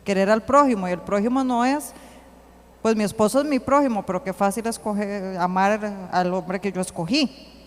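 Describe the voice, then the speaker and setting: A woman giving an earnest church teaching, slowing to read scripture aloud. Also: mid-range voice. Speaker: church speaker. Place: church hall. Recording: long hall reverb.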